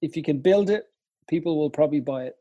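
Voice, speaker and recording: Man, mellow, husky, slightly high, easygoing podcast chat. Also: fast, muffled recording. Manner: easygoing, laughs along, riffs on jokes. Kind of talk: casual chat.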